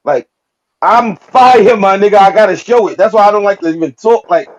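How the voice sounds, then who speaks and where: A man's voice: high voice, normal speed, dull audio, a little hiss or hum. A man, a guest battle rapper talking in a casual podcast chat, emphatic and heavy on street slang. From Brooklyn, New York. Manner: street slang, emphatic, repetitive "you feel me".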